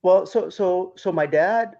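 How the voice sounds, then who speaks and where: A man's voice: sits high, takes it slowly, gravelly, darkish tone. A man from Ukraine, a DJ guest on a podcast, telling a long story in a rambling way with many restarts. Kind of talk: casual storytelling interview. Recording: dull lo-fi sound.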